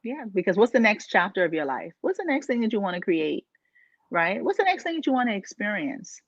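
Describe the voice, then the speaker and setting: A woman's voice: medium pitch, sing-song, fairly quick, no room sound. Female life coach from the Bahamas, preachy and emphatic, dry and dull lo-fi audio. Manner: emphatic, preachy, asks rhetorical questions. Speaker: life coach and podcast co-host. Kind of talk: motivational podcast talk.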